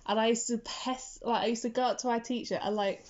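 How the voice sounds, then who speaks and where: A woman's voice: a little high, fairly even intonation, fairly quick, darkish tone, lo-fi sound. A young woman chatting casually, rambling through her memories with lots of fillers and restarts. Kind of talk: casual chat.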